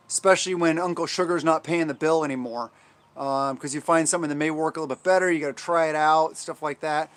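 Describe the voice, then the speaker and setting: An American man with a fairly high-pitched voice chats casually as the host of a livestream. He responds to comments as he goes. His delivery is halting and meandering, with phrases that trail off and get restated. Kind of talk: casual livestream chat, answering viewer comments.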